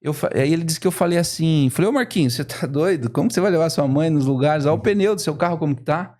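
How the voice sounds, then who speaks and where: A man, a guest on a podcast, retelling a story with lively quoted dialogue. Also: a little high, fast talker. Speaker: business owner guest.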